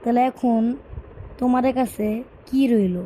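A woman's voice: fairly high pitch, unhurried, dark tone, a little hiss or hum, close to an everyday voice. A woman voicing an exasperated, scolding female interviewer. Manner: scolding, impatient. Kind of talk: comic cartoon dub.

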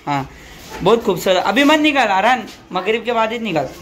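A man's voice: sits high, moderate pace. Chatty vlogger man. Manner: chatty and excitable, calls viewers "bhai", laughs often. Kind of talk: casual vlog narration to viewers.

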